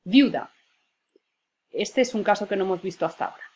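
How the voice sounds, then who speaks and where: A woman's voice: medium pitch, rapid-fire, darkish tone, a little hiss or hum. A woman teacher, patiently explaining spelling rules and spelling out words syllable by syllable. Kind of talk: spelling lesson.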